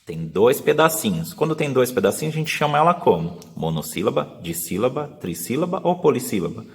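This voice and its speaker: A man with a Brazilian Portuguese accent, a teacher explaining a lesson step by step and slowly sounding out syllables for young pupils. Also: medium pitch, big pitch swings, gravelly, big-room sound. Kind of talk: remote class video lesson.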